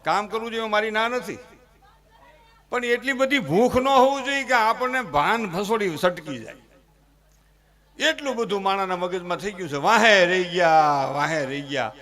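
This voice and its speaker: A man tells comic folk stories to a live audience and turns them into earnest appeals. His voice sits high and rings bright and forceful. He moves between playful jokes and exhortation. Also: expressive, moderate pace, pauses often. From Gujarat, India. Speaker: folk humorist performer.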